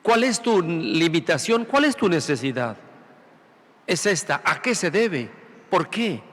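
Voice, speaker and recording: Preaching priest in a reverberant church. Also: male voice, on the high side, big pitch swings, takes it slowly, fairly bright tone. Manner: preaching in rhetorical questions and repeated phrases. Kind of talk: sermon. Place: large church sanctuary.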